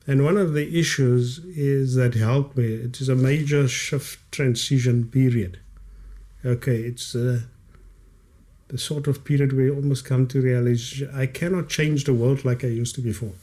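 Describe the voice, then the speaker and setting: A South African author in his late fifties, whose first language is Kaaps, appears as a guest in a podcast studio. His mid-range voice is a little mellow, and he speaks reflectively, stretching out key words for emphasis. He uses a studio condenser mic with headphones.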